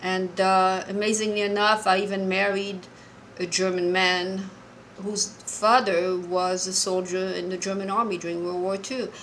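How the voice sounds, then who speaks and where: A woman in her sixties, from Morocco, calling in to a show and telling a personal story earnestly and haltingly, often restarting her sentences. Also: mid-range voice, little pitch movement, fairly bright tone, slight background noise, poor audio. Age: 60s. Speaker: caller.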